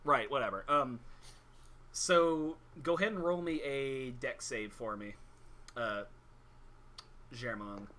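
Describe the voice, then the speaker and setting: A man working as game master, casually narrating a tabletop game in halting, improvised explanations. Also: mid-range voice, bright, forceful tone.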